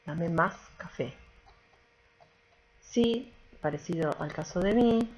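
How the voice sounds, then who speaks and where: A woman's voice: lowish voice, animated, slow, darkish tone, slight background noise, rough recording. A woman teacher giving a recorded grammar lesson, explaining patiently step by step and often checking in with the class.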